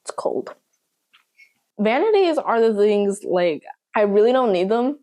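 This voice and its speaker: A young woman with a slight Southern lilt talks straight to her viewers in a loose, chatty way. Her voice sits in a medium pitch. She jokes at her own expense as she goes. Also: big pitch swings, moderate pace, mellow. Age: young adult. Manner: chatty, playful, self-mocking. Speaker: vlogger. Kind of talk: casual chat to camera.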